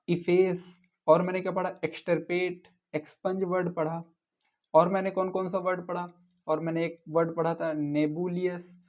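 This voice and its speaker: A man with a fairly high voice runs through lists of synonyms in a brisk teaching rhythm and breaks them up with playful memory hooks. The recording sounds dull and lo-fi. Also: a little mellow. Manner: brisk listing of synonyms with jokey memory tricks. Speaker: vocabulary teacher. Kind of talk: exam-prep vocabulary lesson.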